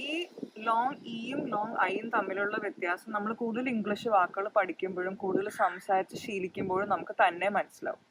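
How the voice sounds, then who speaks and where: A woman teacher hosts a phonics lesson. She explains each rule patiently and step by step, at a middling pitch. A faint hiss runs under her voice. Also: steady tone, a little fast. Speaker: English teacher and channel host.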